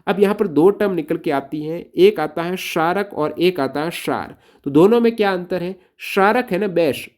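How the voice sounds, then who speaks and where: A man explaining science exam questions step by step, asking questions and then answering them himself. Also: a little high. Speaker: exam-prep teacher.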